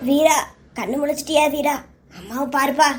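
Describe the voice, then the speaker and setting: A woman's voice: high voice, moderate pace, over music, lightly acted. A woman voicing a worried middle-aged mother in a cartoon serial, speaking in a soothing, tearful way. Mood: tender.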